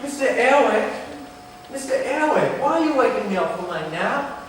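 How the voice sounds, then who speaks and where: A man's voice: very high voice, animated, normal speed, a little hiss or hum, voice pushed up. A man voicing a whiny little boy at daycare, pleading and dragging out his words. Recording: echoey auditorium from far off.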